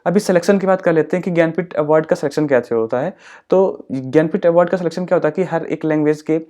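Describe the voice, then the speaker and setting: A man's voice: a little high, mellow. Hindi-speaking man teaching exam facts. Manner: explains slowly, repeats points, mixes English terms into Hindi. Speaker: exam-prep teacher and channel host. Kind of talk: educational explainer.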